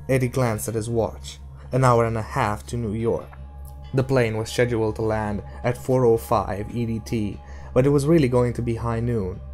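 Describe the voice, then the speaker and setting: A man's voice: medium pitch, a little mellow. Man steadily reading a novel aloud. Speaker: audiobook reader.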